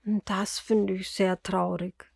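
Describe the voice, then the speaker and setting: A woman voicing a kind, curious young boy in a storybook, with a bright, eager childlike voice. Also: medium pitch, level tone, slow, vocal fry, husky, dry recording, clean studio sound, full character voice. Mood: sad. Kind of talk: storybook character voice.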